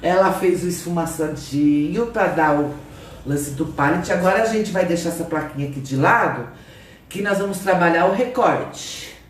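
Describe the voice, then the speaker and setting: A woman's voice: lowish voice, normal speed. A Brazilian woman teaching a painting craft on a live stream, greeting viewers by name as she instructs. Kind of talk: casual live craft lesson. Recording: roomy sound from a distant mic, faint noise.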